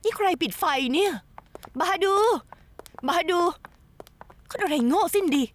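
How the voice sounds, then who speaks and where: An actress dubbing a sharp-tongued, jumpy young woman in a TV drama. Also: very high-pitched, a little slow, a little hiss or hum. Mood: scornful. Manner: scornful, nervous. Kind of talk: Thai dub of a TV drama.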